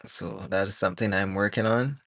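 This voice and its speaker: A man from Barbados, streaming live as a 3D artist, chatting casually and thinking aloud with many pauses and fillers while he works. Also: lowish voice, no room sound, clean studio sound. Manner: relaxed, rambling, thinks aloud with many ums.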